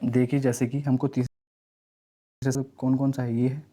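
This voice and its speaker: A man teaching exam math step by step, reading each question slowly and then explaining it. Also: mid-range voice, little pitch movement, dark tone. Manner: explains step by step, often asks and answers himself; reads English question text slowly, then explains it in Hindi. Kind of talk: exam-prep math lesson.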